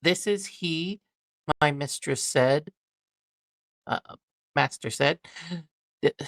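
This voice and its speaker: A woman voicing a mischievous male fairy servant in an amateur Shakespeare reading, halting and stumbling over the verse. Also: low voice, dry recording, studio quality. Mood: solemn.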